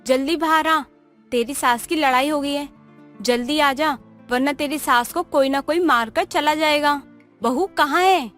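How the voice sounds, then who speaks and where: A bossy neighbor aunty calls out loudly and urgently, voiced by a woman. Her voice is high and pressing, with faint music beneath in this animated story. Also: normal speed, lightly acted. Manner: loud, urgent, calling out. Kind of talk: animated moral story dialogue.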